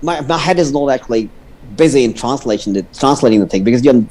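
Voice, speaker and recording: An Indian man whose first language is Punjabi chats casually as a guest on a livestream, speaking English with an Indian accent. His mid-range, slightly mellow voice is animated and quick, and he stammers, often restarting sentences. The recording quality is low.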